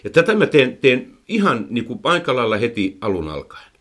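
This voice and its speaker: A man's voice: mid-range voice, sing-song. A man speaking as a horse trainer, explaining his methods at length in casual chat, with frequent fillers and repeated words. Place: indoors, recorded for a microphone.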